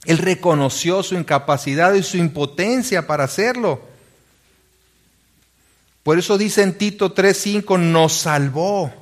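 Male pastor, slightly high voice, sermon delivery, questions to the congregation. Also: unhurried, pauses often. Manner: preaching with rhetorical questions to the congregation; reads scripture aloud.

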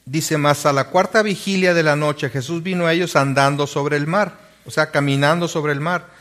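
Male pastor, slightly high voice, sermon delivery, questions to the congregation. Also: steady tone, normal speed, a bit bright. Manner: preaching with rhetorical questions to the congregation; reads scripture aloud.

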